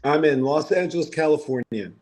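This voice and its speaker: Telling stories as a podcast guest, this Philadelphia-area man in his fifties pokes fun at himself with dry humor throughout the casual chat. His voice runs on the high side, a bit fast, with a darkish tone.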